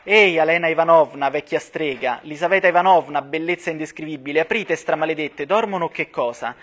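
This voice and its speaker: A man's voice: on the high side, fast. A man reading aloud voices an impatient, domineering visitor who roars and hurls insults at a locked door. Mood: furious. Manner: roaring, shouting insults.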